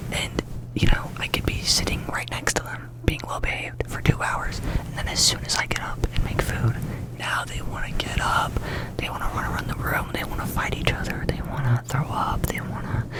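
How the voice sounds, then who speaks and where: A young adult ASMR creator whispering breathily into a close microphone, chatting casually in a rambling, informal way with repeated words and phrases. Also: rough recording. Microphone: close ASMR microphone with fluffy cover.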